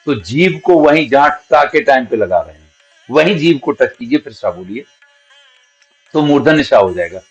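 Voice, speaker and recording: A male teacher working through a grammar lesson, pronouncing syllables one at a time to show how each is formed. He speaks at a mid pitch, and the recording is dull and lo-fi. Soft instrumental music plays faintly underneath. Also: animated. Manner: explains patiently, sounds out each syllable slowly as an example.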